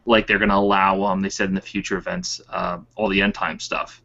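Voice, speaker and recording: Low-voiced man, dry and matter-of-fact. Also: flat delivery, fairly quick, creaky, sharp tone. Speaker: co-host. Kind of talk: casual chat about tabletop wargaming. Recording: dull lo-fi recording.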